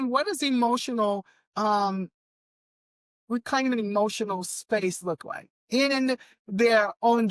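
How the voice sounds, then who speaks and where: A woman's voice: mid-range voice, no echo. A woman in her fifties hosting a talk show, speaking with earnest emphasis and often checking in with "right?" and "okay?". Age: 50s. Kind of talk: casual chat.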